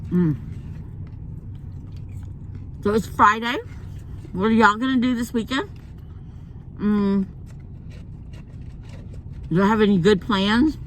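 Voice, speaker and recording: A woman food vlogger hosts a mukbang from inside a parked car in a parking lot at night, chatting casually to her viewers while eating. Her mid-range voice is slow with long pauses, and she chews as she speaks, savoring with mm sounds. Noisy car interior ambience fills the recording.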